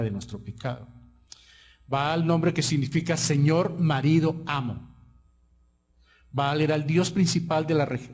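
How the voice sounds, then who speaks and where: A Colombian man with a Colombian Spanish accent preaches a sermon from the pulpit. His voice sits in a middle pitch. He tells stories and keeps asking the congregation questions. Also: husky. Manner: lively storytelling preacher, asks the congregation questions. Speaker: pastor.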